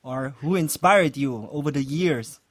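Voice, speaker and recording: A man speaks English in a fairly high voice, recorded dry and close with little room sound. He asks casual interview questions and responds with easygoing "yeah, man" replies. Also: measured pace, dry recording.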